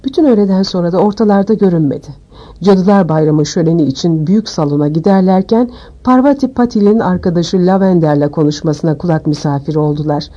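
A woman reading an audiobook aloud with expressive storytelling. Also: on the low side, fast, highs cut off. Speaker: audiobook narrator. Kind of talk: scripted audiobook narration.

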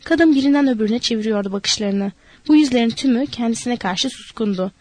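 A woman reading a novel aloud in a measured, expressive narration. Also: a little high, dry recording.

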